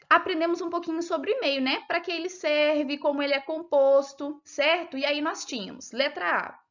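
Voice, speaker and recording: A Brazilian woman teacher with a high voice walks young pupils through a test one answer at a time. She speaks patiently and keeps checking that they follow. The recording sounds dull and lo-fi. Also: fairly bright tone. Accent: Brazilian Portuguese. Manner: patient, explains step by step, asks checking questions. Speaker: primary school teacher. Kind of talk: recorded lesson going over a test.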